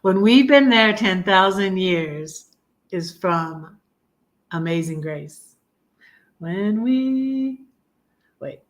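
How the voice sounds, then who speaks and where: A woman in her fifties chatting on a live stream, rambling with many pauses and fillers, sometimes singing a hymn line slowly. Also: medium pitch, animated. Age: 50s. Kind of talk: casual live chat.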